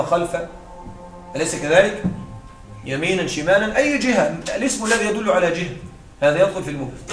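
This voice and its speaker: A man teaching Arabic grammar to a class, explaining rules through examples and checking whether students follow. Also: sits high. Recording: echoey room with faint noise.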